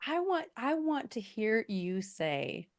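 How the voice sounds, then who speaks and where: A woman's voice: fairly high pitch, sing-song, takes it slowly. A woman hosting a podcast interview, talking in an encouraging, coaxing and emphatic way. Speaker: podcast host. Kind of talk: interview chat.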